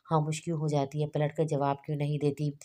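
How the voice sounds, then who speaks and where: A woman reads out a middle-aged mother-in-law, tearful and guilt-ridden, who speaks in hesitant murmurs. The voice is low and dark, with little rise and fall. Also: completely flat delivery, fast, close to an everyday voice. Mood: defensive.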